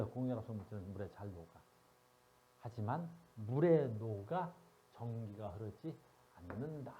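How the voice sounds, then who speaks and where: Lively man teaching a class. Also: mid-range voice, muffled recording. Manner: lively, teasing, asks students constantly. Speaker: science teacher. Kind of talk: classroom lecture.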